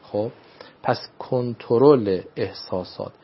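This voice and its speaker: A man speaking as a religious adviser on a talk show, in a formal, measured way, often repeating set phrases. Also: mid-range voice, breathy edge, dull audio. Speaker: religious speaker giving advice. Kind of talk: radio talk show guest.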